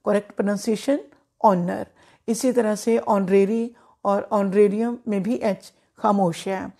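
A middle-aged woman, a former principal and English teacher, giving a careful pronunciation lesson and repeating each word slowly. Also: mid-range voice, steady tone, dark tone.

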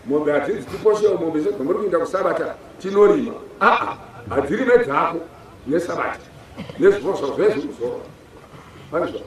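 A man preaching outdoors in a quick, high-pitched voice, working the crowd with call-and-response. The sound is echoey and distant, picked up by a far-off camera in an open field. His delivery is rapid and urgent. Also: expressive, a little hiss or hum. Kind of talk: open-air sermon.

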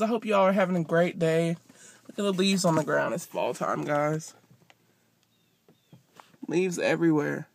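A woman's voice: on the low side, no echo. A young woman telling a story to her phone outdoors, acting out other people's lines with animation. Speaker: vlogger. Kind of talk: casual storytelling vlog. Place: outdoors near an apartment. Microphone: phone held by speaker.

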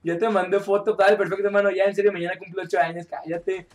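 A young man streaming a game live, chatty and joking as he reads out viewer chat and shouts calls mid-match. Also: high voice, flat delivery, fast. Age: young adult.

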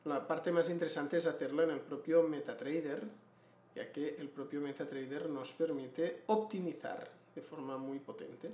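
Guy in his 40s explaining stuff on screen, kinda high voice, echoey room. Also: fairly even intonation, normal speed, darkish tone. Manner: explanatory, frequent throat clearing. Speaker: trading educator. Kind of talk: screen-share tutorial. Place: small room indoors. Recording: roomy echo.

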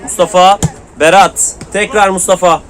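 High-voiced man calling local football. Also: fairly even intonation, a bit bright. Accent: Turkish. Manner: rapid clipped calls of player names. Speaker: match commentator. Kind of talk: live play-by-play football commentary.

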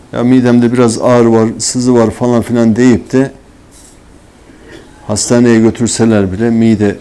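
A man's voice: medium pitch, warm tone. A man giving a sermon-style religious talk who asks rhetorical questions and answers them himself, often in a scolding, mocking tone. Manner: scolding, mocking tone toward hypocrites. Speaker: religious teacher.

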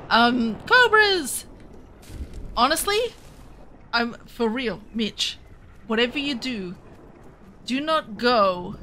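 Woman, Canadian accent, game streamer, casual chat, lively, highish voice, noisy background. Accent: Western Canadian. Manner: chatty, excitable, jumps between topics. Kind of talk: casual livestream chat with viewers.

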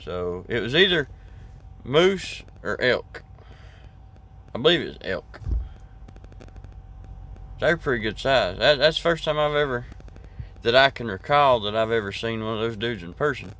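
A man's voice: medium pitch, lively intonation, measured pace, pauses often, a bit bright. A man, chatting casually to camera from his parked truck cab, rambling and easygoing with lots of fillers and restarts. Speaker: trucker vlogger. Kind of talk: casual vlog chat to camera. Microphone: camera at arm's length.

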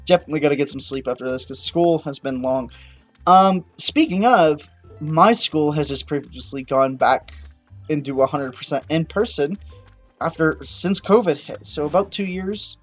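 Excitable young man narrating a game. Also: on the high side, normal speed, dull audio, soft background music. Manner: casual, rambling, excitable outbursts. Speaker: gaming channel host. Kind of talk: let's-play commentary.

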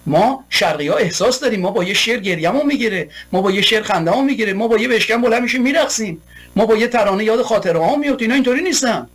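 A man's voice: sits high, expressive, a bit bright. A man giving an impassioned political monologue, heated and rhetorical, building long repeated lists. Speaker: political commentator.

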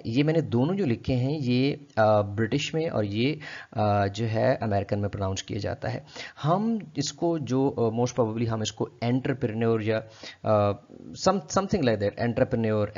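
A man's voice: medium pitch, gravelly, darkish tone. Patient man teaching pronunciation. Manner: patient, repeats words slowly for the listener to copy. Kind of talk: explanatory lesson. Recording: dull lo-fi recording.

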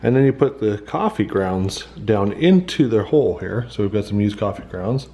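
A man's voice: lowish voice, lively intonation, normal speed, mellow. Casual American man vlogging. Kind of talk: casual vlog narration.

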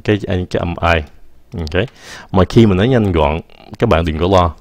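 A man, teaching English in a casual, patient lesson and repeating example phrases slowly. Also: deep voice, a little mellow.

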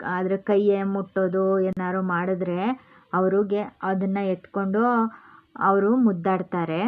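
A woman teacher with a Kannada accent works through a school lesson at an unhurried pace. She reads each line, then says it again in plain, loose talk. The sound is thin and narrow, like a phone line. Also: mid-range voice. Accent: Kannada, Karnataka. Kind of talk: reading a lesson aloud and explaining it.

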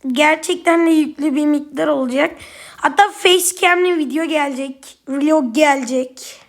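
A woman with a high, light voice narrates her gameplay in a casual commentary. She flares up and swears at opponents easily, then turns to chat directly with her viewers. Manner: quick to anger, swears at opponents; chatty, addresses viewers directly. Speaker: gaming YouTuber.

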